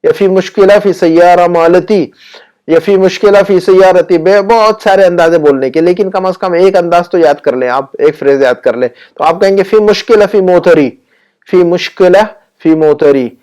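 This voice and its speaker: Male language teacher, fairly high voice, patient explainer, slow repeated drills. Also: a little mellow. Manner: slow, drawn-out repetition of example phrases; explanatory, with frequent fillers. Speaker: Arabic teacher. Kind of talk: spoken Arabic lesson.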